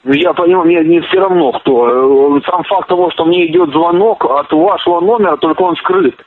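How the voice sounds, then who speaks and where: A high-voiced man snapping down a tinny phone line in a prank call. He swears constantly and barks at the other end as if he were a police officer. The line sounds thin and squeezed. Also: moderate pace, husky. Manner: foul-mouthed, aggressive, claims to be a police officer. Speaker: prank caller.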